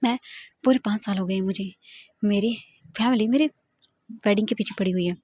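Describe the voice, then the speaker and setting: Woman doing a teasing young boss man, cocky, breathy voice. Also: mid-range voice, moderate pace, a little mellow, no room sound, close to an everyday voice. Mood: pleading. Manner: teasing, playful.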